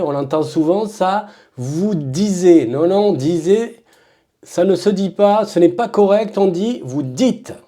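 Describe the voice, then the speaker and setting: A woman with a French accent teaching verb conjugations as a drill, saying each form slowly and emphatically and repeating it. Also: medium pitch, warm tone.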